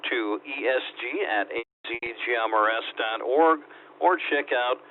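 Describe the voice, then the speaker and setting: A man opening a radio net, reading his preamble in a steady, formal, procedural voice. His words come through a thin, phone-like two-way radio channel, with a faint layer of static behind them. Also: mid-range voice, a little slow. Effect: two-way radio transmission with static. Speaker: radio net control operator.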